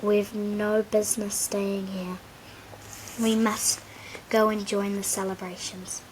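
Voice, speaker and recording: A woman voicing a calm, wise old man wizard who speaks in a measured, gentle way. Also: medium pitch, a little hiss or hum, lightly acted, poor audio.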